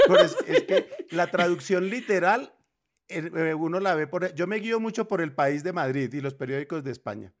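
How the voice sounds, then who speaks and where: A Colombian man co-hosting a podcast, arguing his points in a measured way. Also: a little high, expressive. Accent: Colombian Spanish. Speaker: podcast co-host. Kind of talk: casual panel chat.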